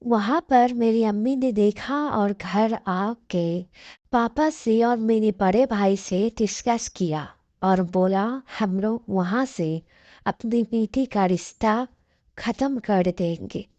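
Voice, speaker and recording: A young woman narrating her own story in the first person, in an earnest, soft-spoken confessional way. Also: mid-range voice, no room sound, dull audio.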